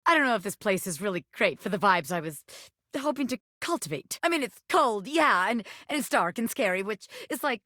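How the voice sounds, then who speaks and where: A woman playing a cocky, excitable bobby pin gangster in a video game, talking in swaggering wiseguy slang. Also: medium pitch, fairly quick, no room sound, clean studio sound. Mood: scheming, uneasy. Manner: brash wiseguy slang, swaggering, calls people baby. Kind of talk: video game character acting.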